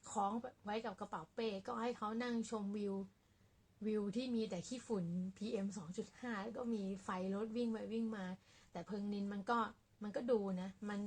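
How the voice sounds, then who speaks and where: Talking to camera in a small apartment room, a cat-owner vlogger chats about her cats in a mid-range, slightly rough voice. She speaks softly and quietly to avoid bothering the neighbours, rambling in a relaxed way full of fillers.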